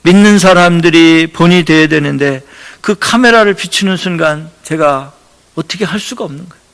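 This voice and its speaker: A man pastor preaching a Sunday sermon in a church, earnest and storytelling, acting out quotes with lively voices. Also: fairly high pitch, normal speed, clean tone, long reverb tail. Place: church sanctuary.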